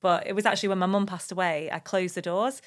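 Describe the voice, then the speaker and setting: A woman's voice: mid-range voice, fairly even intonation. A woman hosting a podcast, chatting in an enthusiastic way and agreeing readily. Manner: enthusiastic, quick to agree and laugh. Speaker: podcast host. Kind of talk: casual podcast chat.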